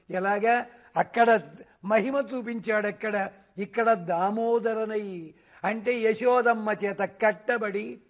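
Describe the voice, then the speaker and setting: A man giving a devotional discourse on scripture. He recites verses slowly and asks rhetorical questions that he then answers himself. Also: sits high, vocal fry. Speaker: religious discourse speaker.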